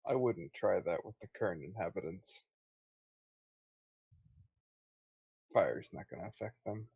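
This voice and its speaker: A man's voice: sits low, expressive, brisk, vocal fry, husky, muffled recording, voice pushed down, heavily acted. A man voicing a large, curt, dismissive orc with a dry, condescending manner in a tabletop game. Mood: warning. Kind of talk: in-character tabletop role-play.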